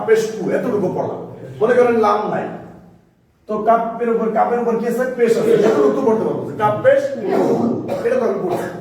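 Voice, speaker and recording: A man's voice: high voice, a little mellow, distant mic. A man teaching a Quran reading class, explaining step by step and asking the class questions. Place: mosque-side classroom. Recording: echoey room recorded from afar.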